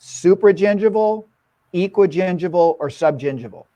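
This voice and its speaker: A man teaching an online dental class with lively enthusiasm, putting questions to the audience again and again. His voice sits a little high for a man, and the sound is dry and close with no room around it. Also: normal speed, no room sound. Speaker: dental lecturer. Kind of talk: online lecture.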